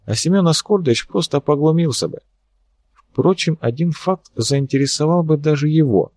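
A man's voice: fairly high pitch, normal speed, darkish tone, no echo, voice pushed up, natural voice. A wry young woman scientist, anxious under her irony, speaks in a lightly lifted voice, as a male audiobook reader puts her on. The recording is dry and close, with no room around it.

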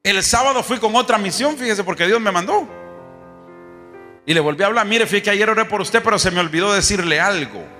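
A man preaches in a bright, forceful tone, his voice sitting a bit high. He tells folksy stories, acting out conversations and firing off rhetorical questions. Faint instrumental music plays behind him. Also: expressive, a little fast. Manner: folksy storytelling, acts out dialogue, rhetorical questions. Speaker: apostle preaching. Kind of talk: sermon.

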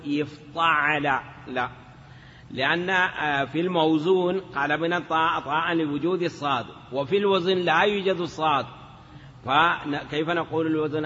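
A man teaching grammar in a classroom lecture. He explains patiently, often checks with his listeners, and sounds words out slowly, syllable by syllable. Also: on the high side, a bit bright, a little hiss or hum. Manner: patient, explanatory, checks understanding with short questions. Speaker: teacher of Arabic morphology. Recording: dull, roomy lecture recording.

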